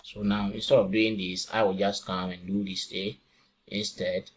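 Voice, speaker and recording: A man from Ghana with a fairly low voice talks through a screen-recorded coding lesson, one step at a time. He often poses a quick question and answers it himself. Faint hiss and keyboard clicks sit under his voice. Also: flat delivery. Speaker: programming tutor.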